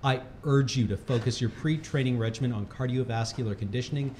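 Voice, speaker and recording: A man with a mid-range, slightly mellow voice reads a comic article a little quickly, treating it like earnest instructions while frequently laughing. He's a reader at a charity livestream, recorded in an echoey space with faint background noise.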